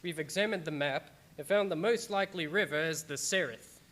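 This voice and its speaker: A man's voice: on the high side, brisk, fairly bright tone, natural voice. A man playing a solemn young Englishman who reads his journal aloud in a radio play. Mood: solemn, tense. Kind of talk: dramatic radio-play narration. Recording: live-streamed radio play with music bed.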